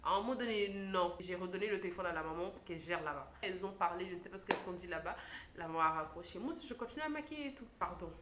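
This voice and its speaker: Animated young woman telling a story. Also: fairly low pitch, very fast, a little hiss or hum. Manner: animated storytelling, acts out quotes. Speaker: makeup artist. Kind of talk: storytime vlog. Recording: echoey room.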